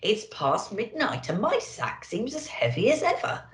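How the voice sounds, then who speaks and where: A woman voicing a kindly, jolly old Santa Claus in a storybook, with slow, hearty delivery. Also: medium pitch, huge pitch swings, echoey room, voice pushed up. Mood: weary, relieved.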